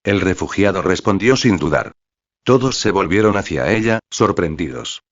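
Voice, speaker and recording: A man's voice, synthetic-sounding, reads a fan fiction audiobook in an even, flat way. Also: deep voice, moderate pace, dry recording. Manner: even, flat reading that spells out web addresses. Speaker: narrator. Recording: dry, slightly dull lo-fi sound.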